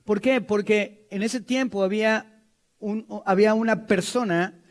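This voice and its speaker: Middle-aged Mexican man, high voice, sermon delivery with playful asides and acted-out quotes. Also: steady tone, a little slow. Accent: Mexican Spanish. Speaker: preacher.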